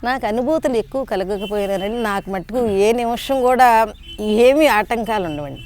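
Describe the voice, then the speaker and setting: An older woman telling personal memories in a polite, halting conversational way, often restarting her sentences. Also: fairly high pitch, animated, darkish tone, a little hiss or hum. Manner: polite, frequent respectful "andi", halting restarts. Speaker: interviewee sharing devotional memories.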